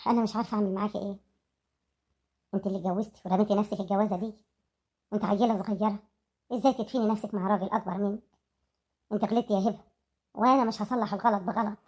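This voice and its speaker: A woman playing a motherly older woman calmly advising a younger one, with an Egyptian accent. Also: mid-range voice, rapid-fire, long pauses, slightly rough, natural voice. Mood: soothing. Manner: soothing, advising.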